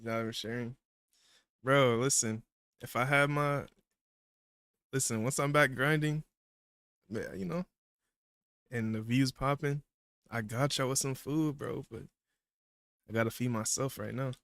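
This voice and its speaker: A man's voice: mid-range voice, fairly even intonation, a little slow, long pauses, fairly bright tone, dry recording, clean studio sound. Laid-back man chatting while eating. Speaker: livestream guest. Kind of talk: casual livestream chat.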